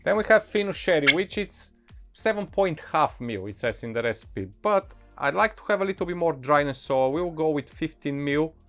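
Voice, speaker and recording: Male bartender, non-native English accent, slightly high voice, casual tutorial delivery, enthusiastic, music behind. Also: lively intonation, moderate pace, fairly bright tone. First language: not English. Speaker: bartender presenting cocktail recipes. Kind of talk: instructional cocktail tutorial, casual. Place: indoor bar set, behind counter.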